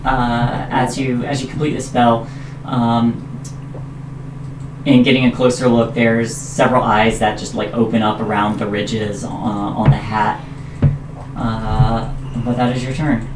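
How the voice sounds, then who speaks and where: A man running a casual tabletop game as game master, narrating in a halting, hesitant way. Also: medium pitch, flat delivery. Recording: noisy, echoey room, distant mic.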